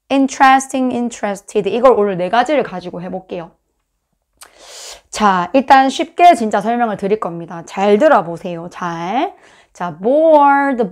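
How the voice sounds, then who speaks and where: A woman with a Busan accent explaining English grammar in a casual, chatty lesson, acting out examples with sound effects. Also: on the high side. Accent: Busan Korean. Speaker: English teacher.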